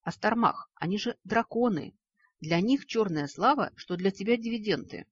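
A woman reading a story, voicing a tall, thin, politely flattering male creature who smooths over every quarrel. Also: mid-range voice, moderate pace, no room sound, lo-fi sound, pitched above the performer's own voice. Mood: placating.

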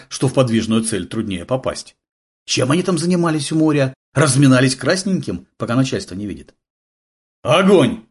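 An audiobook narrator reads an action novel aloud, telling the story in a vivid, dramatic, expressive way. His voice sits in the mid-range and has a breathy edge.

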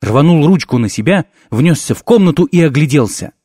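Expressive male audiobook narrator. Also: on the high side, brisk, no room sound, clean studio sound. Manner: expressive, lively storytelling. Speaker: audiobook reader. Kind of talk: scripted fantasy narration.

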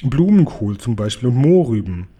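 A man's voice: medium pitch, sing-song, normal speed, dark tone. A man reading a children's book aloud and voicing a small, curious, polite girl who keeps asking earnest questions.

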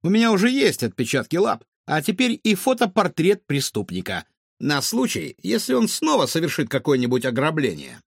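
This is a man voicing an earnest young animal detective in a storybook, excitable and precise. The voice is husky and gravelly, with lively pitch, and it is recorded dry and close. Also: normal speed, no echo, exaggerated voice. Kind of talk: audiobook character voice.

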